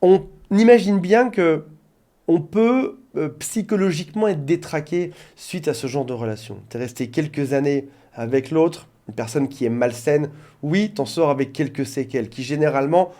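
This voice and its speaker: A man's voice: fairly high pitch, normal speed, warm tone. A man working as a relationship coach, explaining things directly to his viewers in an informal talk, with joking asides. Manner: jokey asides.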